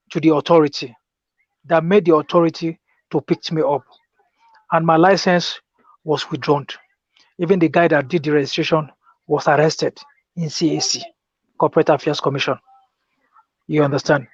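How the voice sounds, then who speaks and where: Appearing as a guest in a political talk, a man with a Nigerian accent presses his account of what he experienced. His fairly high voice moves at a normal speed with fairly even intonation and long pauses, over dull, dry, lo-fi call audio.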